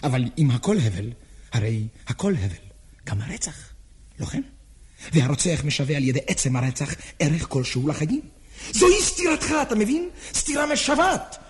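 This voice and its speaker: This actor's exaggerated voice is on the high side, husky and very animated. On stage, he plays an earnest, anxious man pleading and rambling with nervous bursts of laughter.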